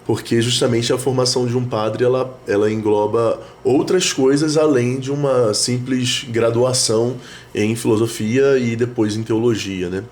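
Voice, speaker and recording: A priest, talking reflectively in a casual interview, with many fillers and restarts. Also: male voice, mid-range voice, steady tone, normal speed, darkish tone. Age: 30s. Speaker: priest, guest. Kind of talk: casual conversation.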